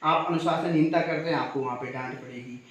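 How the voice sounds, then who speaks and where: Rather high-pitched man addressing students at a school assembly. He keeps asking the audience questions and checking that they follow. His voice rings through a very echoey hall. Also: steady tone, brisk. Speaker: teacher speaking at a school event.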